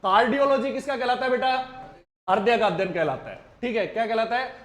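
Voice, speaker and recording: High-pitched man quizzing his class. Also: expressive, brisk, fairly bright tone. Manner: quizzes students with repeated questions, calls them beta; jokey wordplay mnemonics. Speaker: teacher. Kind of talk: live online exam-prep class.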